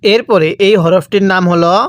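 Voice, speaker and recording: A man's voice: sits high, normal speed, clear, resonant tone, no room sound. Patient man teaching letter sounds, dry. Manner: patient, repeats each letter and asks the viewer back. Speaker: Quran reading teacher. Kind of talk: step-by-step recitation lesson.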